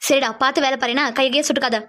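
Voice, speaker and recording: A woman's voice: high voice, steady tone, racing, fairly bright tone. A woman voicing a kindly middle-aged cartoon aunt who insists on feeding everyone. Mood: caring. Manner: caring, insistent.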